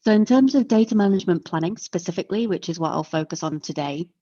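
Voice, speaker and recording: Her voice low, deep and mellow, a female webinar presenter who speaks English as her first language explains each point of an online lecture step by step, friendly and fast, with lively intonation. Close, dry and without room sound, the recording has the dull lo-fi feel of video call audio.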